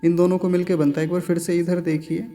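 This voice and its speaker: A man's voice: sits high, little pitch movement, fast talker, mellow. A man teaching Sanskrit mantra pronunciation, patiently repeating each syllable and explaining sounds carefully.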